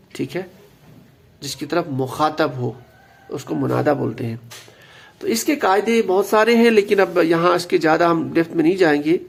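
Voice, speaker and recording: Male grammar teacher, high and gravelly, patient, repeats key terms for students. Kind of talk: explanatory lesson.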